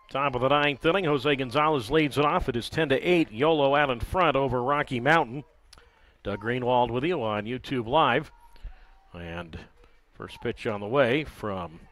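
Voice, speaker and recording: A man calling live baseball play-by-play from the ballpark, relaxed and conversational, with dry sarcastic asides. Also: medium pitch. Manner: conversational, wry asides, filler "uh" between counts. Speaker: play-by-play announcer.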